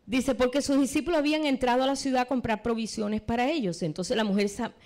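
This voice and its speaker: A woman's voice: fairly high pitch, fast talker, darkish tone. A woman preacher giving a sermon, retelling a scripture story and addressing the congregation directly.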